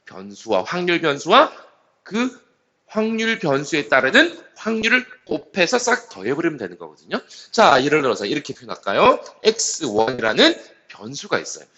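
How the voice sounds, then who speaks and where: Lively Korean male math teacher. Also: fairly high pitch, normal speed. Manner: repeats key terms, frequent "자" to pace the explanation. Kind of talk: classroom math lecture. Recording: slightly dull lo-fi sound.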